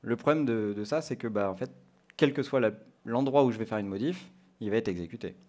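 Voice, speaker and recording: A man's voice: lowish voice, fairly quick, darkish tone. A man from France giving a conference talk and walking the audience through a live coding demo, thinking aloud step by step. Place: conference stage.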